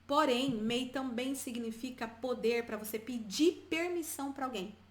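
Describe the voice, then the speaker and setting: A Brazilian woman teaching English to viewers, chatty and repeating example phrases slowly for learners. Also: a little high, roomy sound. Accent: Brazilian Portuguese. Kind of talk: bilingual English lesson, addressing viewers.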